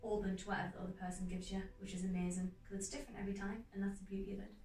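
A young woman actor talking earnestly and enthusiastically in a casual interview, in quick runs of speech. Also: mid-range voice, flat delivery, darkish tone, far from the mic. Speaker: guest actor. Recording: roomy echo, off-mic, faint music behind.

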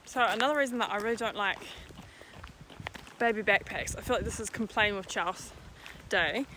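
A woman's voice: mid-range voice, brisk. A young woman, chatting casually to a handheld camera in a vlog and saying "like" often. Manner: chatty, says "like" a lot. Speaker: vlogger. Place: home kitchen, then outdoors on a bush walk. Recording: faint background noise.

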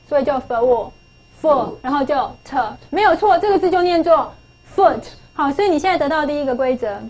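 A middle-aged woman with a high voice teaches a phonics lesson. She keeps asking her pupils questions and repeats the key points to drive them home. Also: rough recording. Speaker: English teacher.

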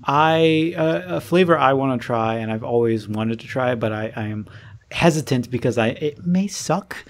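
A man's voice: medium pitch, normal speed, a little hiss or hum. A young man from Aruba hosting a casual podcast, rambling, swearing and laughing often. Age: young adult. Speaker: podcast host. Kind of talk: casual chat.

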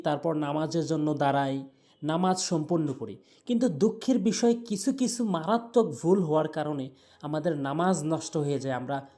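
A man from Bangladesh teaching Quran pronunciation in Bengali, spelling out letters and vowel marks and then chanting each verse in long, drawn-out recitation. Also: on the high side, dark tone. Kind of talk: patient tajweed lesson.

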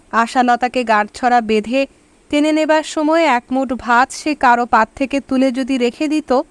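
High, clear-voiced woman narrating a story. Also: dry recording. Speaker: audiobook narrator. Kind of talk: scripted narration of a short story.

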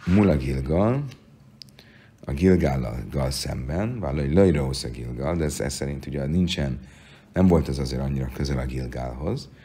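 A man's voice: extremely low pitch, animated, dark tone, breathy edge. A man giving a daily Talmud lesson, reading out the text and explaining it phrase by phrase. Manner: reads text aloud then explains in Hungarian, with fillers. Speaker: Talmud teacher.

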